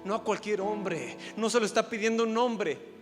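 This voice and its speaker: A man in his twenties with a Mexican Spanish accent preaching an emphatic sermon as pastor, repeating phrases and building to loud peaks. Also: high voice, normal speed. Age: 20s. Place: church sanctuary. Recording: echoey church hall, faint music.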